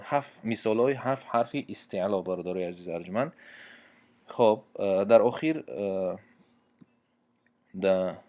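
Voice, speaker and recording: A man with a Tajik accent teaching tajweed, reciting Quranic examples slowly and drawn out, then explaining quickly with hesitations and self-corrections. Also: on the low side, a little mellow.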